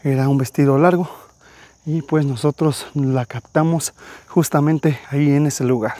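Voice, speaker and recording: A young man narrating his treasure hunt outdoors, eagerly talking to his viewers as friends, with a husky voice. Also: on the high side, fairly even intonation, a little slow, warm tone, no echo. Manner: enthusiastic, addresses viewers as friends. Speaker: treasure-hunting vlogger. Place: wooded hillside outdoors. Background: crickets and insects.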